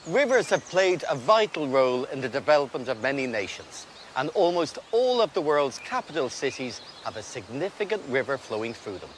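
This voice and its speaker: A man's voice: medium pitch, sing-song, fairly quick, few pauses, noisy background. A man presenting a wildlife magazine show as one of its hosts.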